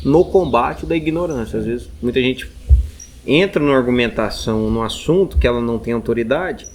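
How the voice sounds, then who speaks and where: A man's voice: medium pitch, normal speed, a little mellow. A man hosting a podcast, reflecting on topics and putting questions to his guest. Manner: reflective, asks questions and builds on the guest's points. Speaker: podcast host. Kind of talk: podcast interview.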